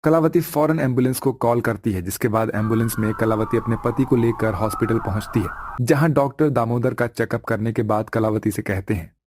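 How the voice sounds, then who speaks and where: A man narrating a scripted cartoon story in a steady, even way. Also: medium pitch, fairly quick, slight background noise.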